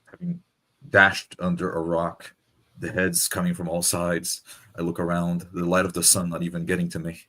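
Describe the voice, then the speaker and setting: Deep, husky male tabletop player. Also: completely flat delivery, normal speed, pushed and bright. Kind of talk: in-character tabletop narration.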